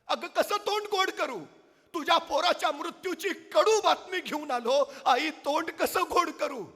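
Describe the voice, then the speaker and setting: A noble young king, sorrowful and stirring, as a man acts him out, speaks in a declamatory, drawn-out way. His delivery is strained and very high. The sound rings through a large hall. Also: bright, forceful tone, full character voice.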